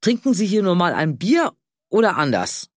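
A man doing a fretful older man, pitched high. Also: huge pitch swings, normal speed, no echo, clean studio sound. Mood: eager. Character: fussy anxious older man, peacekeeping.

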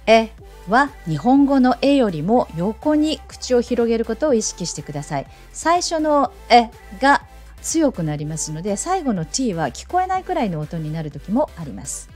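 英語の発音を丁寧に教える女性の先生で、子どもに語りかけるように楽しげに誘導する。. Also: female voice, moderate pace, faint music behind. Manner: playful, coaxing as if to children; animated, lively pitch. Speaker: English teacher. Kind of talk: pronunciation lesson.

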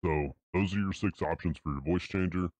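A man reviewing gear, talking plainly through a deep pitch-shifting voice changer preset. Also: fairly quick, darkish tone, dry recording. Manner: plain explanatory talk with fillers. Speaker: tech reviewer. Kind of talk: casual product demo.

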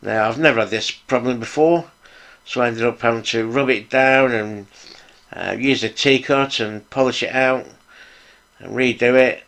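A man's voice: mid-range voice, measured pace, creaky, a bit bright. A middle-aged British man casually narrating a hands-on hobby build vlog in an informal, appreciative, chatty way. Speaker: hobby video host, model car builder.

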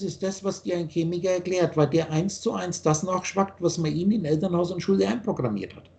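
Holding forth on a video call, an older Austrian man sounds like a spiritual teacher, insistent and rambling, repeatedly cutting off and restarting his sentences. His voice is high-pitched yet dark and mellow.

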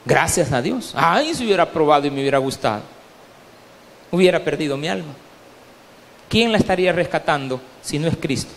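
A Salvadoran man preaching a sermon, his voice pitched high and his reverb trailing through a church hall. He tells stories, acts out other people's voices, and swings from low, quiet asides to loud, pleading cries. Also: lively intonation, brisk, vocal fry, pauses often. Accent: Salvadoran Spanish. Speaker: pastor.

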